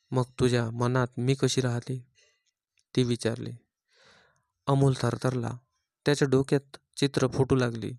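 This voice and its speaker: A man telling an emotional story in grave, measured scripted narration. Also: mid-range voice, creaky, a little mellow, dry recording, studio quality.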